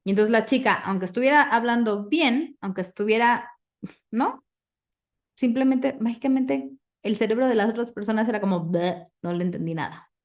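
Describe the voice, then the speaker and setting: A woman, coaching a live group, asking the audience questions and reciting clearing phrases. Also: fairly high pitch, normal speed. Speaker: facilitator.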